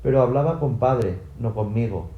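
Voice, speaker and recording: A man reading a first-person audiobook narration in an even, literal way, in a roomy-sounding recording. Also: medium pitch, moderate pace, dull audio. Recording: roomy echo.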